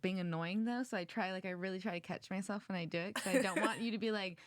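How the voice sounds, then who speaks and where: Talking fast in a medium-pitched voice, a podcast host in her twenties giggles through a casual chat peppered with "like" and "um." The recording is dry.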